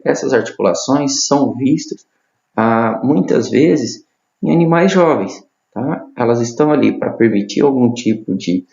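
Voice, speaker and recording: A man giving a recorded anatomy lecture, explaining step by step in a measured way and often checking in with his listeners. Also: mid-range voice, creaky, a little mellow. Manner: measured, explains step by step with frequent tag questions. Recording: muffled roomy lecture recording.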